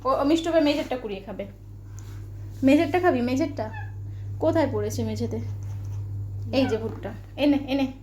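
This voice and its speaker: A woman's voice: sits high, normal speed, long pauses, a little mellow. A woman filming her pet parrots at home, talking to them in coaxing, sing-song baby talk. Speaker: pet vlogger. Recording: echoey room, faint noise.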